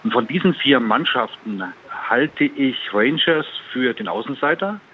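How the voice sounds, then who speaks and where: A man's voice: medium pitch, animated, unhurried. A man, a sports journalist, giving spoken expert analysis in an interview. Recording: phone-like narrow sound, faint noise.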